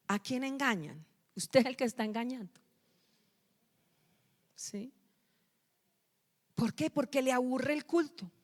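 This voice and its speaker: A middle-aged woman pastor, preaching a sermon and firing questions at the congregation, scolding them at times. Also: mid-range voice. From Colombia.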